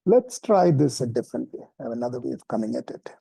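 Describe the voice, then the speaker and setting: A man teaching an informal spoken lesson, relaxed and self-deprecating, often restarting his sentences. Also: medium pitch, fast, creaky, husky, no room sound. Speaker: meditation teacher.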